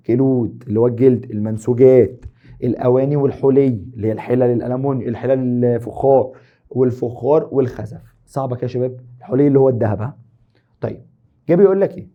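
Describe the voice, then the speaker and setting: A man's voice: medium pitch, highs cut off. A man with an Egyptian Arabic accent teaching an exam review lesson, joking and teasing his students as he explains.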